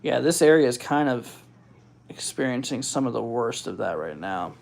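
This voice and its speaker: Man, gravelly creaky voice, medium pitch, informal live weather commentary, halting, thinking aloud, livestream host. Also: lively intonation. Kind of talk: casual live weather commentary, reading out figures and answering viewers.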